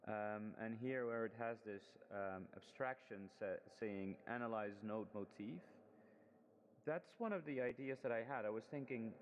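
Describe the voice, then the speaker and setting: A man's voice: lowish voice, unhurried. A man presenting his student project in a casual, hesitant demo walkthrough, full of ums and restarts, his voice soaked in heavy hall-like reverb. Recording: long reverb, dull lo-fi sound.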